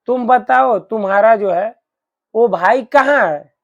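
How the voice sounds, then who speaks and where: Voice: mid-range voice, takes it slowly, lo-fi sound. A man voicing a burly old holy man who questions and scolds a boy in a devotional story. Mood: coaxing, stern. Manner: scolding, insistent. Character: stern burly old male sadhu.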